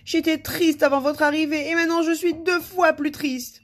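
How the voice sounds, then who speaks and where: A woman's voice: sits high, steady tone, normal speed, pitched above the performer's own voice, close to an everyday voice. A woman voicing a weepy, whining king who wails and sobs as she reads a children's story aloud. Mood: wailing. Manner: wailing, sobbing and scandalized.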